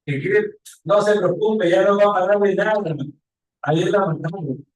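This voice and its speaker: Man playing a police inspector, shrewd, teasing, talkative, high voice, roomy echo. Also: a little slow. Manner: teasing, talkative, keeps urging calm. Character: shrewd, chatty male police investigator. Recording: echoey room.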